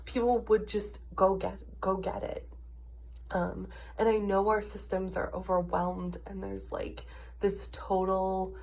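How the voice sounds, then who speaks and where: This early-thirties American video diarist, coughing and congested, rants casually with frustration and emphasis about her situation. Her voice is mid-range, creaky, and a little mellow.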